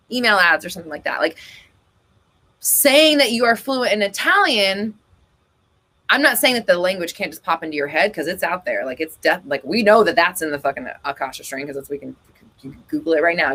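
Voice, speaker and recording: Hosting a laid-back live-stream Q&A, a woman with a slightly bright voice reads comments from viewers and answers them. Her manner is chatty and frank, full of swearing, gasps, and high laughs.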